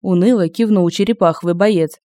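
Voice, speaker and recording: A man narrating an audiobook in a lively, expressive reading. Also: high voice, a little fast, dry recording, studio quality.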